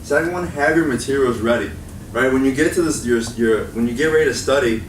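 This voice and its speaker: This young man has a Chicago accent and a mid-range voice, talking a little fast. As a guest speaker for college students, he keeps things conversational and keeps asking "right?" after his points. It's recorded from a distance in an echoey college meeting room, with plenty of noise.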